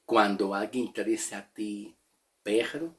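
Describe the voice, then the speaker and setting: Slow, repetitive male Bible teacher. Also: medium pitch, animated. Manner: repeats words, checks in with "¿ok?"; spells out Greek words slowly.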